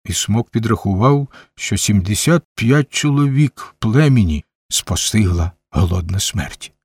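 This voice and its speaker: A man reading a novel aloud as a measured audiobook narrator. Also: fairly low pitch, lively intonation, darkish tone, husky, no room sound, studio quality. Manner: measured, unhurried storytelling. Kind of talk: scripted narration.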